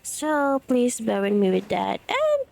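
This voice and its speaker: A Filipino woman whose first language is Tagalog streams games alone in her room, her voice still coming back after she lost it. She speaks in a fairly high, creaky, darkish voice with huge pitch swings and a measured pace. Her rambling commentary is full of fillers and self-corrections, in a Filipino accent.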